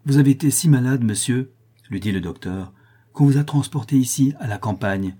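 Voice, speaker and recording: A man voicing a calm attentive doctor. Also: medium pitch, normal speed, husky, pitched above the performer's own voice, lightly acted. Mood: reassuring. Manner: hushed, steady instructions. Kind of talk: audiobook character voice.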